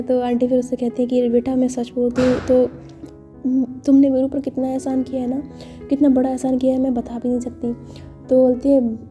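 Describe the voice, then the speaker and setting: A woman's voice: high voice, warm tone. Chatty woman telling a story. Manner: chatty, retells scenes with filler "तो", voices each character. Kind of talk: casual storytelling narration with voiced dialogue.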